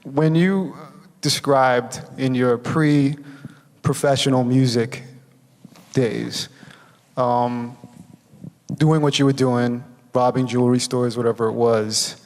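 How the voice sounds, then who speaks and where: A man at a middle pitch puts questions to a guest on stage. He pauses and restarts as he hunts for his words. A long lecture-hall reverb hangs around his voice. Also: fairly even intonation, darkish tone. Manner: hesitant, searching for words. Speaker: interviewer. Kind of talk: onstage interview questions.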